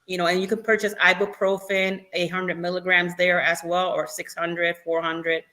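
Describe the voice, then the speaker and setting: A woman's voice: lowish voice, flat delivery, normal speed, bright, forceful tone. A woman co-hosting a casual live stream, laughing often and reading viewer questions aloud. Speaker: co-host reading the live chat.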